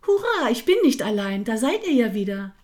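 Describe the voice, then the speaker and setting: A woman's voice: on the high side, brisk. A woman voicing a joyful little water droplet girl. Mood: delighted. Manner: bright, excited exclamations.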